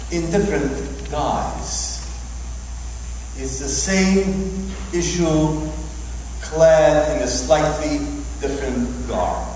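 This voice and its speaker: A man in his eighties, from Czechoslovakia, telling an audience about his early life in a measured, unhurried way with dry humor. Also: on the high side, darkish tone, a little hiss or hum. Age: 80s. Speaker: speaker recounting his life. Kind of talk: public talk to an audience. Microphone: camcorder from the audience. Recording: echoey hall from far off.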